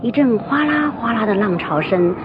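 A woman's voice: fairly high pitch, normal speed, very noisy. Woman narrating a folktale expressively. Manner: expressive, lively storytelling. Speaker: storyteller. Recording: muffled lo-fi recording, soft music.

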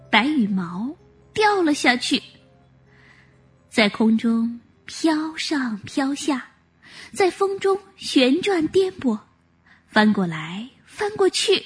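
A woman narrating a children's story in an expressive, animated way. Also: high voice.

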